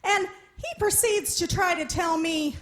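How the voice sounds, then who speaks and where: A woman's voice: very high voice, a little slow, fairly bright tone. A woman performing a stand-up comedy set, telling a story and acting out the people in it, laughing at her own jokes. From small town. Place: live comedy venue with audience.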